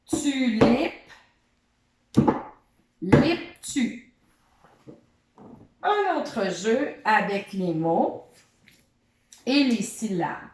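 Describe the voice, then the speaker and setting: A woman's voice: fairly high pitch, background noise. A woman teaching a syllable game to young children from her living room. She speaks straight to the child and draws out each syllable. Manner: talks directly to a child, drawing out syllables slowly. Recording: roomy echo of a home room.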